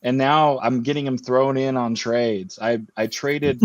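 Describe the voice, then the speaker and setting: A man's voice: medium pitch, steady tone, unhurried, dry recording. A man talking fantasy football as a podcast guest in casual chat, rambling with lots of fillers and restarts. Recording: dull lo-fi remote audio.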